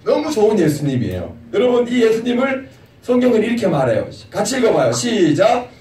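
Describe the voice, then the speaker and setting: A male pastor giving a lively children's sermon in a church, often asking the children questions. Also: high-pitched, brisk. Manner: animated, asks children questions. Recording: echoey church hall, mic from a distance.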